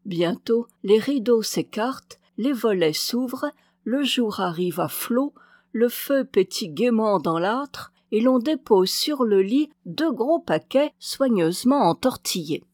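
A woman reading a classic novel aloud as an audiobook, tender and expressive. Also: on the high side, slow pace, dry recording, studio quality. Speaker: audiobook reader.

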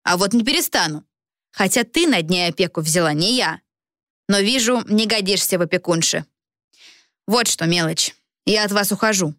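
A woman's voice: medium pitch, lively intonation, normal speed, fairly bright tone, no echo, clean studio sound, close to an everyday voice. A woman voicing a blunt, sarcastic young woman roommate in an audiobook, speaking in a cutting tone.

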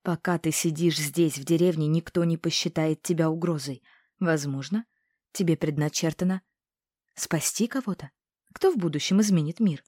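A woman reading a novel aloud, voicing a fierce, bossy witch who talks in a sharp, commanding way. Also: sits low, moderate pace, dry recording, clean studio sound. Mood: insistent.

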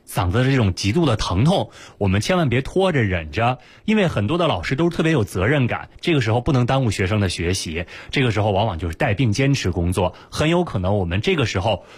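A man hosts a radio health show from the studio, talking fast with a lively, swooping pitch. His voice carries a slight huskiness. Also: breathy edge. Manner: fast, lively announcer delivery. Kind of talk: radio call-in show hosting. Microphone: studio microphone.

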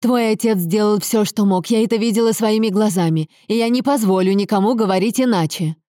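An indignant mother standing up for her husband and scolding her son, voiced by a woman reader. A warm, mellow tone, a little raised. Dry, close storybook recording. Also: medium pitch, quick pace, dry recording, pitched above the performer's own voice, lightly acted. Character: protective middle-aged mother and wife.

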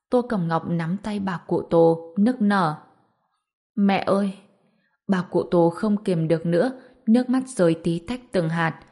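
A woman reads a family story aloud in a calm, steady way. Her voice sits fairly low for a woman and moves at an even pace. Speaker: narrator. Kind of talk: storybook narration.

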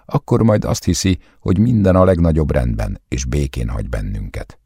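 A man doing a bottle of wine come to life, soft and intimate, coaxing and possessive, with a husky, dark grain in its voice that is lifted higher than the reader's own. It speaks in a close, dry storybook recording. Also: dry recording, exaggerated voice. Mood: scheming.

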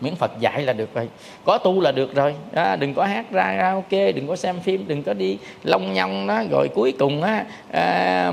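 A man, a Buddhist monk, giving a dharma talk, telling stories lively and firing rhetorical questions at the listeners. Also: high voice, gravelly, slight background noise. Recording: long hall reverb.

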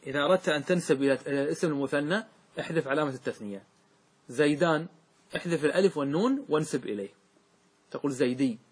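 A middle-aged male scholar leads a grammar lesson in a somewhat high, husky voice. He keeps quizzing his students and repeats example words, drawing them out slowly. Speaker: religious scholar teaching grammar. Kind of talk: classroom lesson with questions to students.

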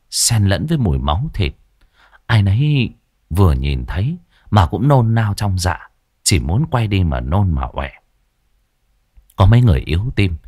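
A man with a fairly low voice narrates a ghost story, his pitch rising and falling with lively drama. The recording is dry and close, with little room sound. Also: no echo.

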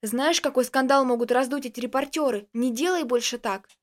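A sharp-tongued, bubbly young actress who talks in loud exclamations, acted by a woman narrator. The voice is high and carries clearly through every line of this audiobook scene. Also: fairly quick, natural voice. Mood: indignant.

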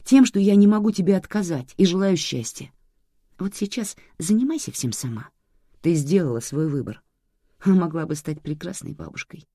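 A reader plays a resentful young woman setting hard limits with her mother. Her tone is firm and reproachful, with a lively, swinging pitch. The recording is dry and close. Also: normal speed, no echo.

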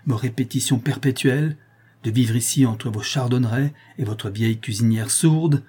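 A man's voice: medium pitch, mellow, husky, lightly acted. A man reading a storybook, voicing a proud, defiant young woman of twenty-five with a haughty, cutting manner.

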